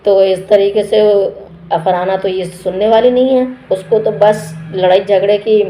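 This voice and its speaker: A woman's voice: mid-range voice, steady tone, a little slow, mellow, a little hiss or hum. A woman giving a casual spoken review of a TV episode, retelling events in a chatty way with many fillers and restarts. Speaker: TV show reviewer. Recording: roomy echo.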